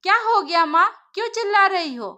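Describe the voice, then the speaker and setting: Storybook husband, young and evasive, dismissive tone, voiced by a woman in a very high voice. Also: expressive, fairly quick, sharp tone, heavily acted.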